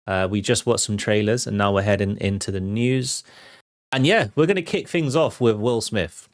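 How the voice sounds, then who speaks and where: With a fairly low pitch and a normal speaking speed, a man hosts a live entertainment news stream, chatting casually and addressing viewers head-on. The audio is studio quality with no echo.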